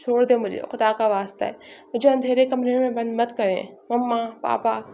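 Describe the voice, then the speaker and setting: A woman's voice: fairly high pitch, level tone, gravelly, warm tone, voice pushed up. A timid young woman stammers in a trembling voice, as a woman storyteller reads her. The audiobook recording is slightly muffled, and faint noise sits behind it. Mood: terrified.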